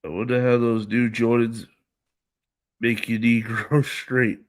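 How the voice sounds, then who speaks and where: A man hosts a casual live stream, reading out viewer comments and answering each one in loose, slangy talk. He speaks at an unhurried, drawn-out pace. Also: medium pitch, flat delivery. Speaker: livestream host reading chat.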